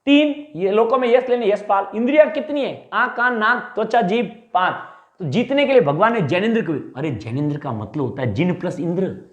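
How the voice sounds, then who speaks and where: A man teaching a Hindi exam class, drilling memory tricks with animated repeated questions and answers. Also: sits high, normal speed, reverberant, muffled recording. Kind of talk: mnemonic lecture.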